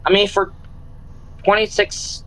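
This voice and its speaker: A male streamer with a Southern US accent runs a freight train in a game, chatting casually and thinking aloud as he narrates each move. His voice is high, level, slow and a bit bright, and the recording is rough.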